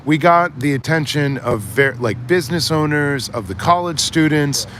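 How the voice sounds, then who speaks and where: A man chatting casually outdoors on a city street at dusk, talking in animated, rambling bursts full of restarts. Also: a little high, normal speed, a little hiss or hum. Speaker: livestreamer. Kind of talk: casual chat. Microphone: phone camera.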